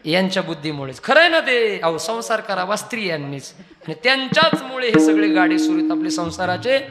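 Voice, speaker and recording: A man's voice: sits high, lively intonation, fairly quick, fairly bright tone. A male kirtan preacher, telling devotional stories, singing verses and teasing the audience with questions. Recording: reverberant hall with faint music.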